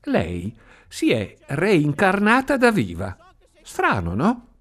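A man's voice: a little high, huge pitch swings, takes it slowly, a bit bright, pitched above the performer's own voice, exaggerated voice. A man voicing a sulky, secretive little girl in a read-aloud story.

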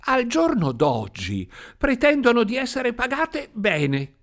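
A man's voice: extremely high pitch, wildly swooping pitch, takes it slowly, a bit bright, pitched above the performer's own voice, exaggerated voice. A man voicing a prim, complaining middle-aged woman in a read-aloud story.

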